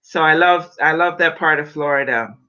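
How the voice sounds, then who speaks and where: Bright, chatty woman host on dull lo-fi audio. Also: low voice, moderate pace. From Caribbean. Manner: chatty, enthusiastic, rambling questions. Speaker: podcast host. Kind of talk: podcast interview.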